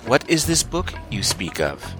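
A man's voice: medium pitch, very animated, measured pace, over music. A man playing a grave, noble warrior companion who speaks formally in an audio drama. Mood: curious. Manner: formal, solemn.

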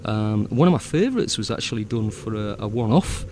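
A fan audio drama producer from the north of England, with a Northern English accent, chats casually in a fairly low, darkish voice that swings widely in pitch at a fairly quick pace. He rambles with lots of fillers and restarts and laughs easily, over a little hiss or hum.

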